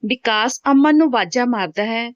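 A woman narrating a scripted story in a steady, plain reading voice. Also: a little high, moderate pace, no room sound. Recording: dull, dry home recording.

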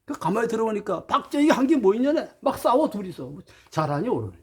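A man's voice: sits high, very animated, fast. A man giving a preachy spoken monologue as a spiritual teacher to his viewers. He lectures emphatically, asks rhetorical questions and swings between formal address and blunt casual talk.

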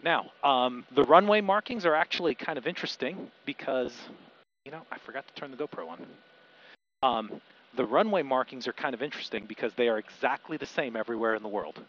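A man's voice: medium pitch, expressive, a little fast, fairly bright tone. A middle-aged man, a pilot and flight instructor, explaining procedures and making radio calls through an aviation headset. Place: small airplane cockpit. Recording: dull aircraft intercom, engine noise.

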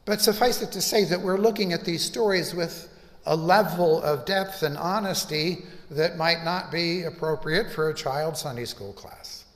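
Slow, measured older preaching man. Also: on the high side. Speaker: pastor. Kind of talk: sermon. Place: church sanctuary, at a pulpit. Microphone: pulpit microphone. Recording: reverberant church hall.

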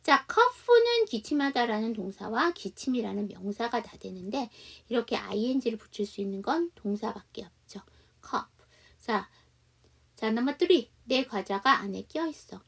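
A woman's voice: on the high side, expressive, gravelly, husky, distant mic. A woman teaching a beginner English lesson, explaining step by step and answering her own questions. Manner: reads example sentences slowly for repetition.

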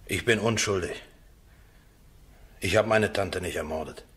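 In a radio play, an actor voices an accused man who is defensive, earnest, and down-to-earth, speaking haltingly and colloquially. His voice is low-pitched and a bit bright.

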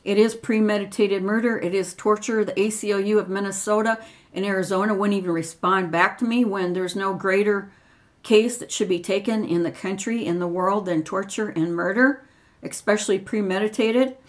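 A woman's voice: medium pitch, steady tone, moderate pace. An older woman, a retired x-ray tech, speaking in a personal video with an earnest, rambling manner, nervous at times. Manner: earnest, rambling, grievance-driven.

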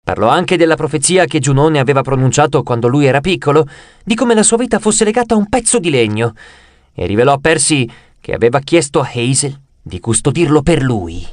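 A man reading an audiobook aloud with a slightly raised voice. The sound is close and dry, with no room around it. He tells the story with steady expressive care. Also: fairly high pitch, no echo. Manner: expressive storytelling, voicing characters' dialogue. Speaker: audiobook narrator. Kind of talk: scripted narration.

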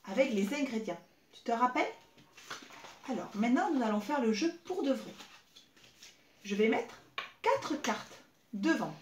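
A woman in her thirties teaching young children remotely, spelling out syllables slowly and clearly as she claps. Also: high voice. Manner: slow, clear, exaggerated syllable clapping. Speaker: preschool teacher. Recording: echoey room with faint noise.

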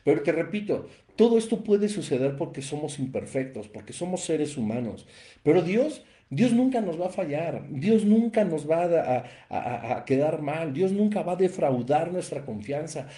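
A man's voice: a little high, lively intonation, normal speed, warm tone, reverberant. A man preaching a Bible teaching, emphatic and repeating phrases for stress. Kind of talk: sermon-style Bible teaching.

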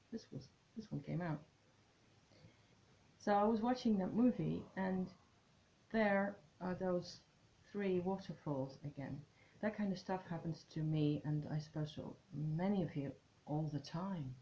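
A woman's voice: lowish voice, vocal fry, dark tone, highs cut off. A woman vlogging about tarot at home, chatting to camera in a musing way and trailing off into restarts. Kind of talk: casual chat to camera.

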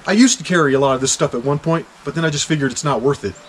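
A Kansas man in his forties with a slightly high voice talks very fast, reviewing hiking gear on an outdoor back deck in winter. This hiking vlogger is chatty and jokey, breaking into bursts of excitement, and a faint hiss or hum sits under the audio.

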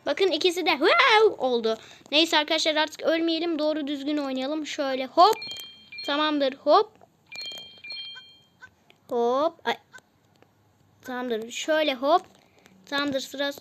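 A woman's voice: high voice, measured pace, long pauses, a bit bright, slight background noise. A woman casually commenting on a mobile game as she plays, chatty and easily exasperated, often repeating herself.

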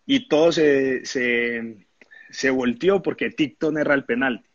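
A former footballer tells lively anecdotes in a casual interview, laughing often and impersonating the people he quotes. He speaks in a medium pitch at an unhurried pace; the audio is dull but echo-free.

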